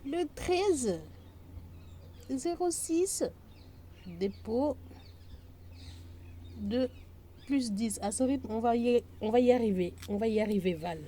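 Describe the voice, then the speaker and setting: A woman's voice: fairly high pitch, unhurried, pauses often, mellow, slight background noise. A woman chatting casually to her viewers about budgeting, often hesitating and breaking into playful sing-song teasing. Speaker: budgeting vlogger. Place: on her balcony, outdoors.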